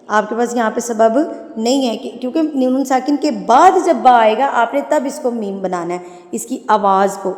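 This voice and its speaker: Woman tajweed teacher, patient slow spelling, higher voice, long reverb. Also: a little mellow. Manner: patient, explains then spells words slowly syllable by syllable.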